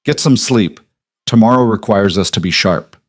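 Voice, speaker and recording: A man voicing a guarded, middle-aged crime boss who speaks in a quiet, measured, controlled way. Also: lowish voice, dry recording, studio quality, natural voice.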